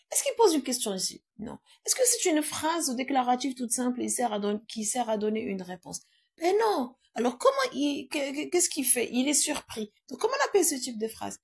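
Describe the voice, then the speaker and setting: A woman's voice: sits high, slightly rough. A woman teaching a grammar lesson in a classroom, quizzing her pupils and repeating their answers.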